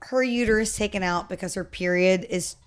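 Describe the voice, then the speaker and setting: Woman, podcast co-host; casual, chatty story reader, mid pitch. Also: brisk, clean tone. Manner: reads stories aloud, chatty. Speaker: podcast co-host reading stories.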